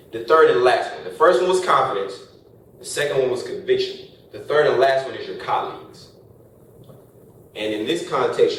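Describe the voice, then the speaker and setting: A man gives a casual motivational talk to a classroom of college students, joking and asking rhetorical questions. His voice is picked up from a distance, so it sounds far off in a very echoey room with a faint hiss underneath. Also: lowish voice. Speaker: speaker addressing college students.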